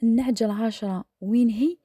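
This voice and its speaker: A woman's voice: on the high side, quick pace, mellow, breathy edge, no room sound, studio quality. A woman voicing a cruel, menacing rural uncle who barks demands, with an Algerian accent. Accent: Algerian Arabic. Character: cruel shouting rural uncle, middle-aged man.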